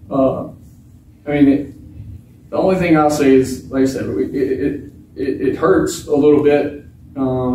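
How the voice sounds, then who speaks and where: Guy in his 30s at a postgame presser, talks plain and restarts a lot, mellow voice, echoey room, a bit far off. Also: fairly high pitch, slight background noise. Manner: frank, halting, many restarts. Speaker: football quarterback. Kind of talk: post-game press conference. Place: small press room with bare walls. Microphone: table mic, filmed from across the room.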